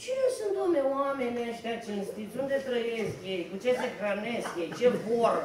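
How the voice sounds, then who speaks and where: An actor playing a boastful, cynical young idler on a small theatre stage, talking with swagger and theatrical flair. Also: male voice, very high voice, lively intonation, a crowd in the background. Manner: swaggering, theatrical, laughing at his own schemes. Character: boastful cynical young man-about-town, idle schemer. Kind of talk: live stage comedy acting. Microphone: far camera mic. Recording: echoey theatre, distant mic, noise.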